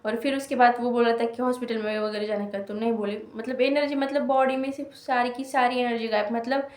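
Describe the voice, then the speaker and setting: A woman's voice: fairly high pitch, steady tone, a little fast, a little mellow. A young woman telling a personal story in a casual, rambling vlog, with many fillers and restarts. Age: young adult. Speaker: student vlogger. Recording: echoey room.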